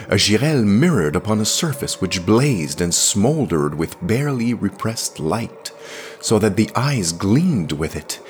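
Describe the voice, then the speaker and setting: Brief: deep-voiced man narrating a story, unhurried and lively in inflection. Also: slight background noise. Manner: measured, expressive storytelling. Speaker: podcast story reader. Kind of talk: scripted narration.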